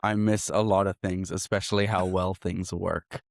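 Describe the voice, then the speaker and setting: Low-voiced reflective male founder. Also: normal speed, creaky, no echo, studio quality. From Hong Kong. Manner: reflective, relaxed, repeats phrases. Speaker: guest, startup founder. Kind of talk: casual interview.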